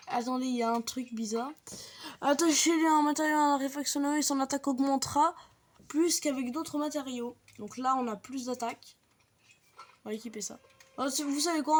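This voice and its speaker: A woman's voice: high-pitched, slight background noise. A young woman casually commenting on her gameplay, chatty and explaining each step to viewers with the odd light swear. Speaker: gaming video creator.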